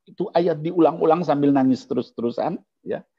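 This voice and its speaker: A man's voice: fairly high pitch, brisk, no room sound, dull audio. A male preacher giving a storytelling sermon in a mosque and addressing his listeners as his children.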